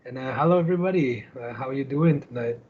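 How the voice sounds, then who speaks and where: A startup founder from Kuching, Sarawak, speaks with a Malaysian accent as a guest on an online video call, sharing his screen for a casual, conversational slide talk. His medium-pitched voice is fast with a breathy edge, and the call audio is dull and lo-fi.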